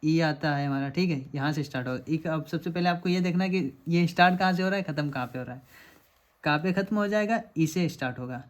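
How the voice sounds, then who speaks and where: A man's voice: a little high, quick pace. Male teacher explaining grammar quiz questions. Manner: explanatory, repeats checks like "samajh rahe hain aap". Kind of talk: lecture solving quiz questions.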